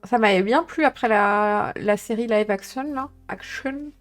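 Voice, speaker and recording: A woman's voice: medium pitch, normal speed, soft background music. A woman chatting casually on a live stream, thinking aloud with many fillers as she talks through tabletop games.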